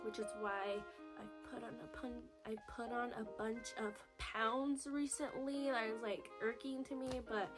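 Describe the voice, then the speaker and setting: A woman's voice: fairly high pitch, steady tone, a little slow, over music. A woman in her twenties from the United States, talking nervously and chattily in a casual vlog recorded on her phone, with lots of "like" and "you know". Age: 20s. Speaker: vlogger. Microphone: phone camera video.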